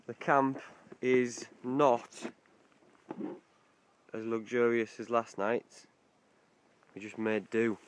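Out on a coastal hillside, a young male vlogger who's wild camping chats casually into a handheld phone, laughing easily and swearing now and then. His mid-range voice holds a steady tone, stretching out words and leaving long pauses, with slight background noise.

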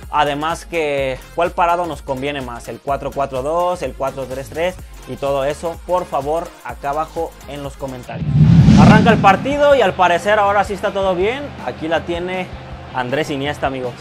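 Young Mexican man, gaming commentary, high voice, shouts at goals, music bed. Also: moderate pace. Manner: excitable, swears often, yells at goals. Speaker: gaming youtuber. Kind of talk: casual video game commentary. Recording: loud music behind the voice.

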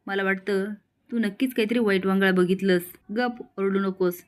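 A woman voicing an old, sharp-tongued village grandmother who scolds bluntly. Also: mid-range voice, fairly even intonation, moderate pace, clean tone, natural voice. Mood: coaxing, scolding. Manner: scolding, blunt rustic talk.

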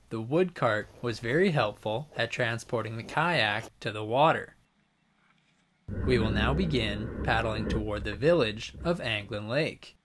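A young man giving calm, informative scripted narration as a video host. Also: mid-range voice.

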